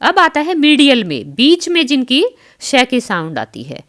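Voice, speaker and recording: A woman teacher giving an online school English lesson. She spells out words letter by letter, pronounces each one carefully, and reads English lines slowly before explaining them in Hindi to the children. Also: high voice, wildly swooping pitch, fairly bright tone. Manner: addresses her pupils as children.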